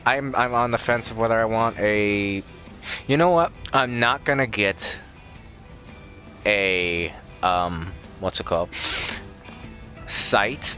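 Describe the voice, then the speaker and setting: Young male gaming host, low bright voice, chatty and rambling, game music faint behind. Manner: chatty, rambling, jokey, with self-corrections. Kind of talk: casual let's-play commentary.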